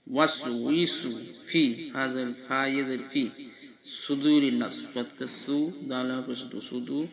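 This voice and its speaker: Slow, patient man spelling out verses. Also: medium pitch, gravelly. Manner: slow, patient, repetitive drilling with occasional chanted recitation. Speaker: Quran recitation teacher. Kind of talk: spelling out Quranic words letter by letter.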